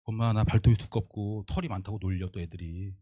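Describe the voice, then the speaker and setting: A man's voice: fairly low pitch, fairly even intonation, fairly quick, breathy edge, no room sound, dull audio, voice pushed down. A man voicing a young son camel in a storybook tale, who complains that the other children tease him. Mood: plaintive.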